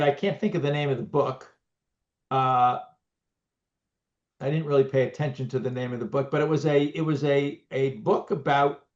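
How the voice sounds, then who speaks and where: Rambling middle-aged man, muffled audio. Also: fairly high pitch. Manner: rambling, many restarts and fillers. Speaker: business owner guest. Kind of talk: casual interview talk.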